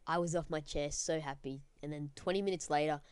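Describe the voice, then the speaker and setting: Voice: medium pitch, steady tone, a little fast, clean tone, dry recording. A young student with an Australian accent hosting a casual sports chat podcast in matey, slangy talk. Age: teenager or young student. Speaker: podcast host.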